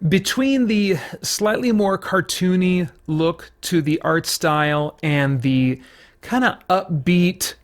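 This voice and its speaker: This comic book review show host has a high voice and a slow pace. He chats casually without a script, groping for words as he thinks out loud.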